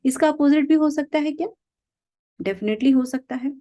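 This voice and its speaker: A woman's voice: high-pitched, normal speed, mellow. A woman teaching stock trading, explaining points over a chart in a patient way, often saying "okay" and asking questions herself before she answers them.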